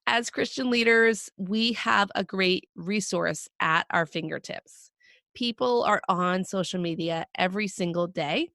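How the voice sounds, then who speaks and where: A woman co-hosting a podcast with a scratchy, raspy voice, hoarse from a cold, explaining points in a relaxed, chatty way. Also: mid-range voice, a little slow, no echo, studio quality. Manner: explanatory, laid-back, with frequent fillers. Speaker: podcast co-host. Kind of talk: casual podcast discussion.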